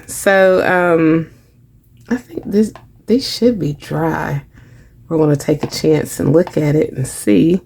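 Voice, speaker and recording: A woman's voice: deep voice, gravelly, dark tone, slightly rough. A woman hosting a crafting channel, chatting casually to camera in a rambling, self-deprecating way, trailing off with fillers.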